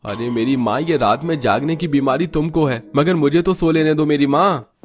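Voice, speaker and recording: A woman's voice: sits low, moderate pace, darkish tone, natural voice. A woman voicing a tired young husband who pleads with his wife in an exasperated way.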